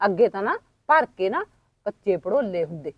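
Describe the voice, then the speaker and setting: A woman's voice: medium pitch, sing-song, moderate pace, slightly rough, no room sound, dull audio. An older woman playing a village mother who rambles about old customs and coaxes her sulking daughter in a family short film. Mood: reminiscing. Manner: rambling, reminiscing, coaxing. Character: older village mother, chatty, soothing, nostalgic. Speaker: mother and aunt.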